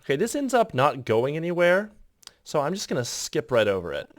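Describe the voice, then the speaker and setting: A man's voice: a little high, huge pitch swings, fairly quick, dry recording, studio quality. A man casually narrating an editing tutorial in voice-over, rambling, interrupting himself and chuckling at his own asides. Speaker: video editor explaining his process.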